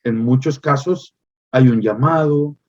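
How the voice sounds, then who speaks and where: A male pastor delivering a sermon in an emphatic preaching manner, repeating phrases and pausing with hesitant fillers. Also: medium pitch, darkish tone, muffled recording.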